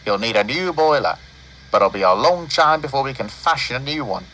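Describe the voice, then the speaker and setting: A man's voice: mid-range voice, expressive, brisk, a little hiss or hum, poor audio. A man voicing a grim, authoritative male railway boss in a storybook reading, speaking sharply. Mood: grave. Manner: sharp, commanding.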